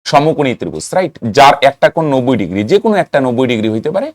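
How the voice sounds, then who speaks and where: A man teaches a classroom-style math lesson, posing questions to students, answering them himself and chanting terms to aid memory. His medium-pitched voice is sing-song, rapid-fire and darkish, captured in clean studio sound with no room echo.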